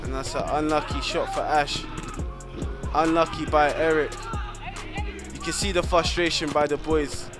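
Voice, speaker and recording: Male football vlogger, slightly high voice, casual highlights commentary over prominent music. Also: level tone, normal speed, long pauses. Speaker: player-commentator of a football vlog. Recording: loud music behind the voice.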